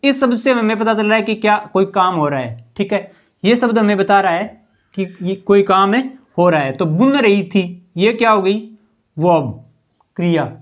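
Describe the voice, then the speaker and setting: Lively intonation marks this man's high voice as he teaches an English grammar lesson at a moderate pace. He patiently quizzes the class with rhetorical questions, frequently saying "ठीक है".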